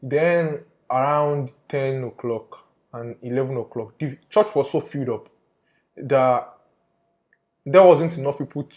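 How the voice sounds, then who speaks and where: A man's voice: medium pitch, unhurried, darkish tone, dull audio. A man giving an informal investigative report to viewers, emphatic and often repeating his phrases. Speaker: undercover investigator presenter.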